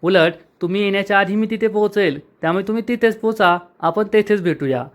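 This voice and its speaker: A man's voice: sits high, fast, natural voice. A man reading the lines of a polite, stubborn young woman employee in a soap recap. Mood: polite, firm.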